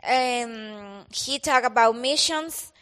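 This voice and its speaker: A woman's voice: a little high, takes it slowly, fairly bright tone, clean tone. A Salvadoran woman, a native Spanish speaker, introducing herself as a missionary to a congregation, shy and giggly. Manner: shy, giggly, laughs between phrases. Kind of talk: church missions presentation. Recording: echoey hall with long reverb.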